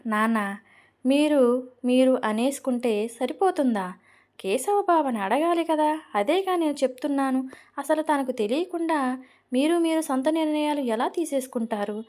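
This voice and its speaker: A woman's voice: high voice, animated, moderate pace, a little mellow. A woman voicing an angry young man who argues heatedly with his father in an audio novel. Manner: heated, insistent, repeats himself.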